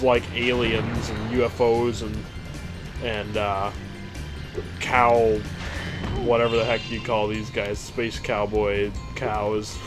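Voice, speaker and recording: A young man giving casual, tired, spaced-out game commentary in a laid-back, rambling way. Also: medium pitch. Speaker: gaming video host. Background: video game music and effects.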